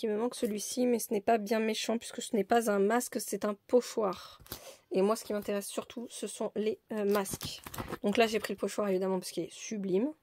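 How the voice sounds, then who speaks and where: A woman's voice: medium pitch, gravelly, a little mellow, a little hiss or hum. A woman presenting a crafting haul in a casual, hesitant, chatty way with many fillers. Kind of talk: casual show-and-tell haul.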